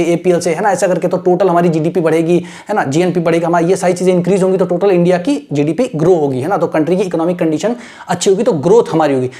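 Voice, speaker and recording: With a high pitch but a dark tone, this male English teacher lectures exam aspirants in a Hindi-English mix. He explains each point step by step and keeps asking "right?" after nearly every sentence.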